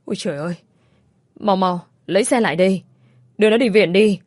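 A woman voicing a gruff older father who curtly scolds his wife. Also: on the low side, fast talker, darkish tone, no echo, studio quality, close to an everyday voice. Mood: irritated.

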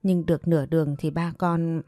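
A woman voicing a kind older neighbor woman who speaks softly and comforts a grieving girl. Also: low voice, little pitch movement, a little fast, no echo, soft background music, lightly acted. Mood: hesitant. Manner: soft, comforting, hesitant. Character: kind elderly neighbor woman, gentle and caring.

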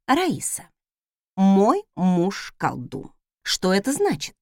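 A woman's voice: mid-range voice, wildly swooping pitch, slow, dry recording, clean studio sound, heavily acted. A woman voicing a bold young wizard's wife who speaks in a commanding, playful way.

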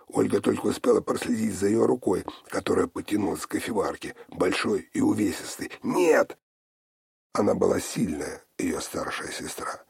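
Low, gravelly male audiobook narrator. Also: darkish tone, no room sound, studio quality.

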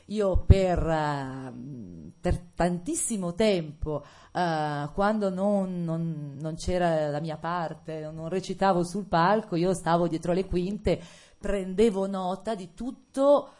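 Speaking slowly in a warm, lowish voice, a middle-aged actress from Italy shares her autobiography with students in a lecture hall. She sounds relaxed yet hesitant, with plenty of fillers and laughing often.

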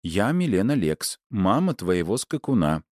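A man reading an audiobook, voicing a warm, gentle middle-aged mother who speaks softly. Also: lowish voice, sing-song, unhurried, no echo, clean studio sound. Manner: soft, kindly.

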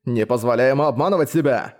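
Man voicing a sullen young man, gruff, defensive, audiobook. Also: medium pitch, fast talker, close to an everyday voice. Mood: grumpy.

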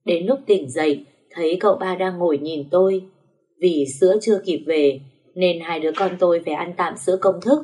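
A woman's voice: lowish voice, normal speed, dark tone, a little hiss or hum. A woman narrating a first-person story.

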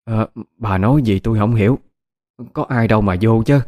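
A man's voice: lowish voice, moderate pace, mellow, natural voice. A man voicing a puzzled older aunt, hesitant and surprised.

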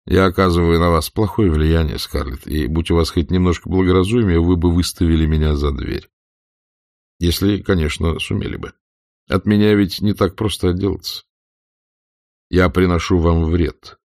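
A man reading an audiobook and voicing a cynical, self-assured man who teases in a slow, ironic drawl. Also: sits low, fairly even intonation, vocal fry, a little mellow, dry recording, studio quality. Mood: mocking. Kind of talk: audiobook character voice.

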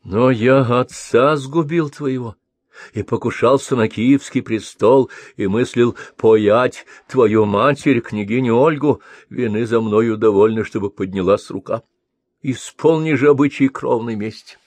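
A man's voice: mid-range voice, measured pace, darkish tone, no room sound, close to an everyday voice. A male reader voicing a grey old exiled prince who pleads and cries out to be killed. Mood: remorseful. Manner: pleading, crying out to the heavens. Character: old broken exiled prince, begging for death.

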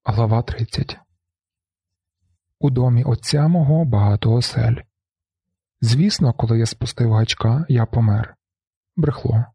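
A man reading a novel aloud in the first person, with a flat, brooding delivery. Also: mid-range voice, a little slow, long pauses, husky, no echo. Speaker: audiobook narrator.

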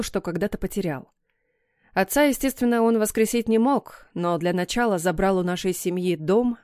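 A woman narrating a first-person story in a steady, measured reading voice. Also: mid-range voice, dry recording, studio quality. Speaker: audiobook reader.

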